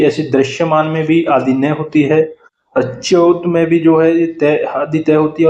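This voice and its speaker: A man's voice: on the high side, darkish tone. Hindi man teaching spelling, echoey dull audio. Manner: explains quickly, often repeating key words. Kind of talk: exam-prep lesson. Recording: roomy, muffled sound.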